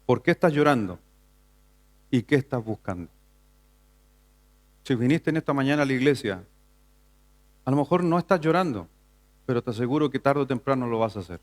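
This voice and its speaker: A man's voice: expressive, fairly quick, pauses often. A man from Chile, a pastor, preaching a Sunday sermon in church, asking the congregation questions and building to emphatic passages. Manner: preaching with rhetorical questions, rising to an emphatic pitch. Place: church sanctuary.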